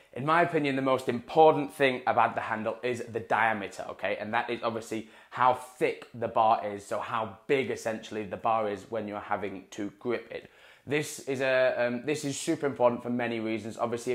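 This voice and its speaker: A young man giving a casual instructional talk to camera, explaining equipment and repeating words for emphasis, recorded on a lapel mic in a small indoor room. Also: medium pitch. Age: young adult. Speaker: water-ski coach. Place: small indoor room in front of a dark wall. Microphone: clip-on lapel mic.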